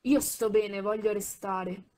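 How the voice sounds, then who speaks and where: Una donna che legge le battute di un giovane tenente agitato, che balbetta e insiste, in un audiolibro. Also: female voice, mid-range voice, fairly even intonation, slow, warm tone, close to an everyday voice. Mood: agitated. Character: young male army lieutenant, tense and stammering.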